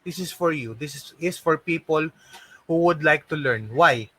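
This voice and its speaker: A Filipino-accented man from the Philippines teaches a live online lesson as an English and call center trainer, speaking at normal speed. His voice is fairly high, bright, and forceful, with a breathy edge. He repeats phrases and uses rhetorical questions to encourage learners.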